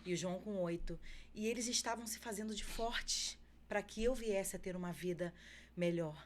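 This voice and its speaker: A woman's voice: mid-range voice, normal speed. A woman with a Brazilian Portuguese accent, a podcast guest telling an emotional faith testimony with fervent feeling.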